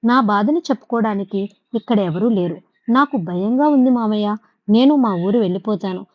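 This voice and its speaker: A woman's voice: mid-range voice, moderate pace, dry recording, close to an everyday voice. Brief: woman reading choked, pleading young woman, storybook, dry muffled sound. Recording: dull lo-fi recording.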